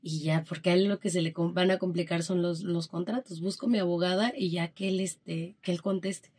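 A woman's voice: on the low side, fairly quick, slightly rough. A woman with a Mexican Spanish accent talks as a guest in a casual interview. She tells stories with energy and plays out each exchange in the voices of the people involved. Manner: animated storytelling that acts out quoted dialogue.

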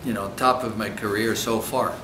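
A man's voice: lowish voice, steady tone, normal speed, roomy sound, background noise. A man in his sixties with a French accent, a coach thoughtfully answering interview questions in earnest. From Egypt. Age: 60s. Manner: earnest, thoughtful, searching for words. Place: indoor hotel room.

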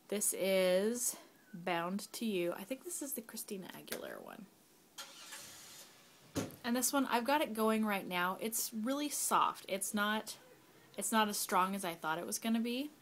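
A woman's voice: mid-range voice, a bit bright. Young woman, casual candle review vlog, rambling fillers, home camera mic, faint background noise. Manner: chatty, rambling with fillers, drops to whispers. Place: home, kids nearby.

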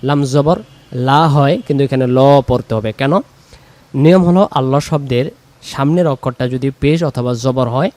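A man, teaching Quran recitation. He explains the rules briskly, then chants the verses slowly and drawn out. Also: medium pitch, warm tone, no echo.

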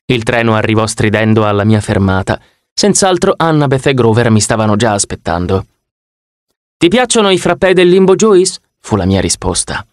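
A male audiobook narrator reads in the first person with a wry storytelling touch. His voice sits at a middle pitch. The studio sound is close and dry. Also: no room sound.

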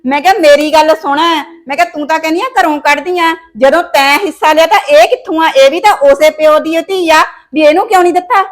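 A domineering, scheming mother-in-law, played by a woman, with a high voice. She scolds and bosses her son in a village comedy short film. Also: fairly even intonation, fast talker, hardly any pauses, close to an everyday voice.

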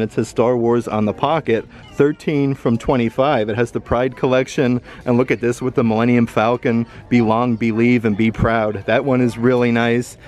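Male vlogger, mid-pitched, cheerful store walkthrough, handheld camera mic indoors. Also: darkish tone. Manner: upbeat, enthusiastic, reads out prices. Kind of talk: walkthrough shopping vlog narration. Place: indoor retail outlet store. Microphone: handheld camera mic, filming himself browsing.

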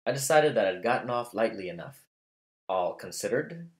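A man narrating a classical tale in a measured, literary reading style. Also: lowish voice, animated. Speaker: storyteller. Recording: roomy echo.

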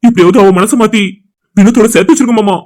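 A man plays a devoted young man in an animated family drama, pleading with his father-in-law. The voice sits very high and races along. His delivery stays earnest and heartfelt. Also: quick pace, lightly acted. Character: young man, anxious, devoted loyal friend. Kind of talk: cartoon voice acting.

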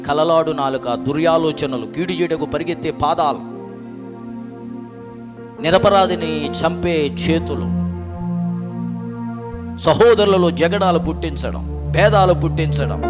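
A man with a high voice leads a slow, earnest closing prayer, listing things point by point. Loud ambient music plays behind him in a reverberant hall.

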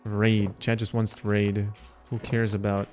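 A man's voice: on the low side, completely flat delivery, unhurried, darkish tone, soft background music. A man from Lithuania, casually commenting on gameplay and chatting with his viewers. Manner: chatty, thinking aloud, talks to chat. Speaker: gaming livestreamer.

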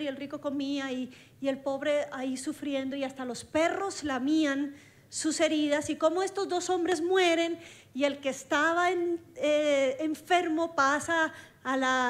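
A woman with a high voice preaches, telling her story in a lively way. She acts out the dialogue as she goes, and she speaks from a church stage. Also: measured pace. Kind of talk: storytelling sermon.

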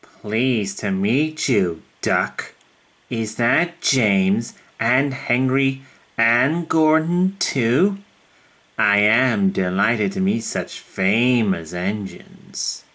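A man voicing a devious, smug diesel locomotive with oily, insincere politeness, in the style of an animated children's series. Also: lowish voice. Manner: slow, deliberate delivery.

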